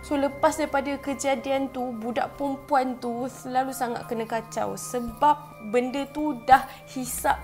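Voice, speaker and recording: A woman's voice: sits high, steady tone, unhurried, few pauses, darkish tone, faint music behind. A woman with a Malaysian Malay accent, casually telling a ghost story to her viewers with chatty asides. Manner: chatty, addresses viewers directly with frequent asides. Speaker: YouTuber telling ghost stories.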